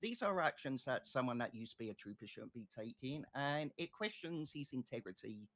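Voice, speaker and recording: A man playing a state prosecutor in an online courtroom role-play, making a passionate, deliberate closing argument. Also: medium pitch, expressive, a bit bright. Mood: accusing, impassioned.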